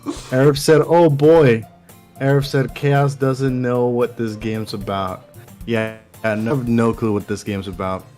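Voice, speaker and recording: A man's voice: medium pitch, fairly even intonation, a little slow, a little mellow, soft background music. A man streaming a game and reading chat messages aloud in a loose, casual way, swearing now and then.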